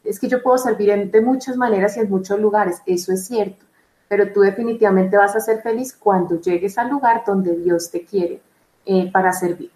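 A woman's voice: medium pitch, steady tone, moderate pace, mellow, roomy sound, low-quality recording. A woman, a religious sister answering interview questions in an earnest, reflective way with frequent fillers. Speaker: religious sister, vocation coordinator.

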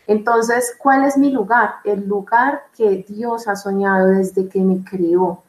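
A woman's voice: mid-range voice, fairly even intonation, slow, echoey room, rough recording. A woman, a religious sister answering interview questions in an earnest, reflective way with frequent fillers. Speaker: religious sister, vocation coordinator.

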